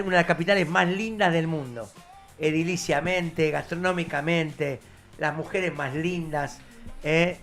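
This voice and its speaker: A man from Argentina with a Rioplatense accent, hosting a casual live-stream chat in a loud, joking way. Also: a little high. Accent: Rioplatense Spanish. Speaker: host.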